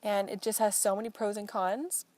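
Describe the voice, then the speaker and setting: A woman's voice: medium pitch, level tone, normal speed, a little mellow, no echo. Young woman ranting to herself in her car, dry close sound, blunt and fed up. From Portland, Oregon. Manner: frank, exasperated storytelling with swearing. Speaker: podcast host. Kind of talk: casual solo chat. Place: inside a parked car.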